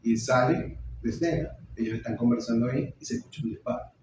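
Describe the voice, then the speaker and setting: A middle-aged man giving a public lecture on theater, expressive, with frequent restarts. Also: mid-range voice, quick pace. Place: lecture hall. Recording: echoey hall, mic far off, faint noise.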